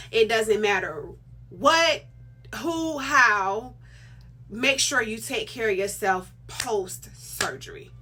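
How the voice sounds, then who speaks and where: A woman's voice: medium pitch, fairly bright tone, husky. A middle-aged woman vlogging casually to her viewers, emphatic and chatty, repeating herself for stress. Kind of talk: casual vlog talk to viewers.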